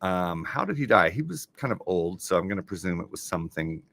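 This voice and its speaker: A man's voice: low voice, sing-song, a little fast, gravelly, a bit bright. A man hosting a casual live stream, reading crossword clues aloud and chatting about them as he goes.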